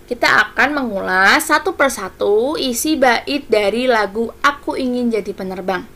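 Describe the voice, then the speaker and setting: A woman's voice: fairly high pitch, moderate pace, sharp tone. A woman, a primary school teacher explaining a music lesson step by step to children.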